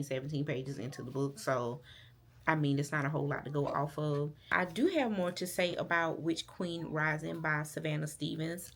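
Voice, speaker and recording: A woman from Alabama with a Southern accent, chatting casually and rambling about books in her vlog. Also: fairly low pitch. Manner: chatty, rambling, with fillers and restarts. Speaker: book vlogger. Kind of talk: casual chat.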